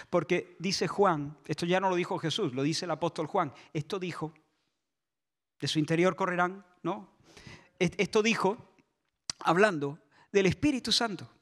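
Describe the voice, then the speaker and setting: A man from Spain, preaching a sermon in a church, impassioned, shifting between shouts and soft asides. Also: fairly high pitch. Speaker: pastor.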